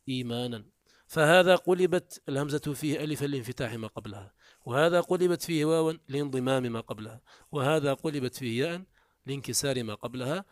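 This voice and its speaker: A man giving a classroom lecture on Arabic morphology, explaining step by step, asking quick comprehension questions, and reciting rhymed prose examples. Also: no room sound, clean studio sound. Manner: shifts often between raised emphatic and low quiet delivery.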